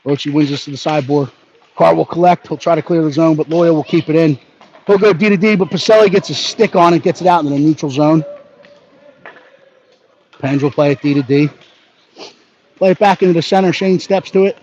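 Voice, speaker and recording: A man giving brisk live hockey play-by-play, narrating each pass and leaning toward the home team. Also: a little high, darkish tone. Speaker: play-by-play announcer. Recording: dull lo-fi audio with faint background noise.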